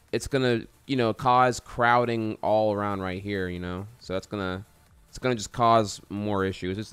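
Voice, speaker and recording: A man with a sore, stiff jaw after wisdom tooth surgery, chatting casually and frankly in a rambling, halting way with some swearing. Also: medium pitch, fairly bright tone, clean tone. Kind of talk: casual unscripted chat to an audience.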